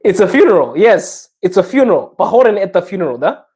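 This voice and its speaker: A female live-streamer whose native language is English speaks Russian with an English-speaking accent, chatting casually and playfully with viewers while haltingly sounding out Russian words and slipping into English. Her mid-range voice is warm and very animated, and her manner is self-deprecating.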